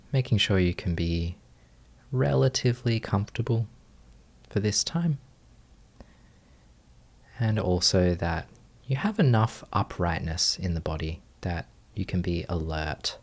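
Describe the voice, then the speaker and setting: A deep-voiced man teaches a guided meditation, his short phrases delivered gently and without hurry. Long pauses punctuate his speech.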